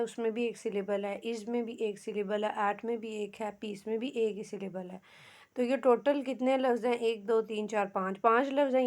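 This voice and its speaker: A woman's voice: on the high side, darkish tone. A young woman, giving a patient lecture on English literature, mixing Urdu and English and counting syllables aloud.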